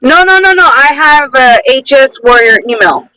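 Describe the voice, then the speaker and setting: In a high, expressive voice at normal speed, this podcast guest rambles emotionally through a personal story, restarting, using fillers and performing the quotes. A crowd can be heard behind her on a rough recording.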